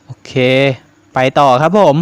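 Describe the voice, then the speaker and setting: A man commentating a horror game for his viewers, jumpy and swearing casually. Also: unhurried. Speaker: gaming YouTuber.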